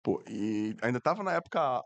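A man's voice: mid-range voice, animated, moderate pace, vocal fry, no room sound. A man hosting a podcast interview, asking questions in a slangy, teasing way. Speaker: podcast host. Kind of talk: casual interview chat.

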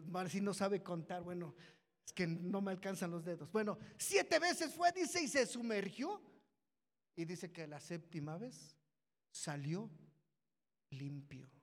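A man preaching a sermon, retelling Bible stories in a storytelling manner and calling his listeners brothers. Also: sits high. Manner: storytelling, repeats "dice que", addresses listeners as brothers. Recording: long reverb of a hall.

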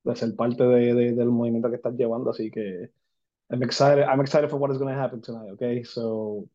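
This basketball agent in his forties, from Puerto Rico and carrying its accent, is a guest in a casual interview, switching between Spanish and English with lots of fillers. His voice is medium in pitch, flat and warm, at a normal speed, and the highs are cut off.

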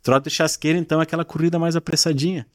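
A podcast guest from southern Brazil, a content creator focused on gaúcho culture, patiently explains regional expressions in casual conversation, often tacking on tag questions. His voice is fairly high and fairly even, and he races along. The studio sound is clean, with no room sound.

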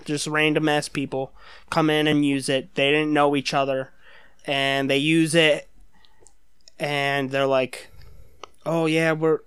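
A man's voice: on the high side, fairly bright tone, clear, resonant tone, dry recording, clean studio sound. A man chatting casually on a podcast, telling rambling stories full of slang and swearing. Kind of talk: casual chat among friends on a podcast.

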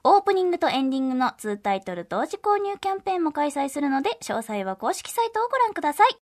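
Woman, Kansai accent, radio co-host, very high voice, fast. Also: very animated. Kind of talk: radio show chat and announcements.

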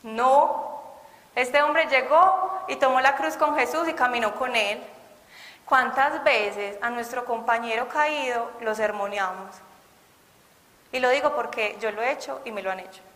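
A woman's voice: a little high, measured pace, a bit bright. A woman preaching an earnest sermon and asking her listeners questions. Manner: earnest, asks the audience questions. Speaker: lay preacher. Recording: long hall reverb.

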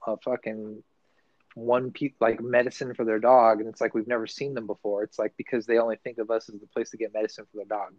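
A man's voice: fairly low pitch, darkish tone, no echo. Rambling, swearing man on a podcast. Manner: rambling, profane, loose and self-correcting. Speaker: podcast co-host. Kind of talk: casual podcast chat. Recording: dull, dry recording.

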